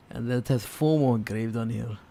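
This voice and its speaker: A man's voice: mid-range voice, dark tone. A man hosting a casual live stream, thinking aloud in a hesitant, unscripted way. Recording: clear background noise.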